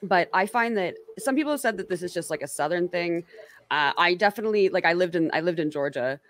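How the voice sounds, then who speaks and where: A woman's voice: fairly low pitch, lively intonation, fast. A woman hosting a casual online interview, talking in a rambling way with lots of fillers and self-corrections. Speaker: host.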